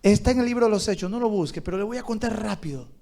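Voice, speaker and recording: A man preaching a sermon as pastor, calling on the congregation to answer and swinging between loud exhortation and quiet asides. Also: sits high, animated, racing. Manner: calls on the congregation to answer aloud.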